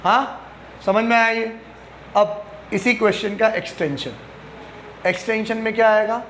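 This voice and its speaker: High-voiced man teaching accounting. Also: fairly even intonation, measured pace, fairly bright tone, slight background noise. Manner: asks questions and answers them himself; mixes English terms into Hindi speech. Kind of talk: classroom lecture.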